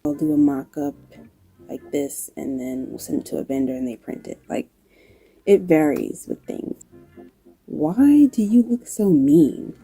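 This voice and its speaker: This New York video creator and graphic designer speaks in a low, slightly breathy voice, her accent carrying occasional Southern touches. She answers questions casually to camera at a slow, relaxed pace, dry and low-key, while music plays behind her. The recording is rough.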